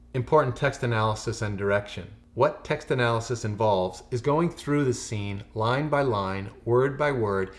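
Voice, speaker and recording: A man speaks as a drama teacher, giving an instructional lecture in an explanatory, deliberate manner. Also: mid-range voice. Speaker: acting teacher.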